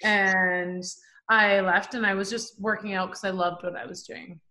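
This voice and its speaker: A woman in her forties, a professional boxer from Canada, telling her story in a casual interview, animated and full of fillers. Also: medium pitch, moderate pace. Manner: animated, chatty, many fillers like "like" and "um". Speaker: professional boxer, podcast guest.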